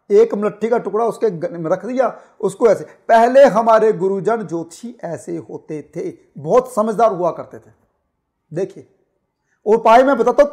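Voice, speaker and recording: Middle-aged male astrologer, high-pitched, animated storyteller who acts out dialogue. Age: 40s. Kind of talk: storytelling talk show monologue.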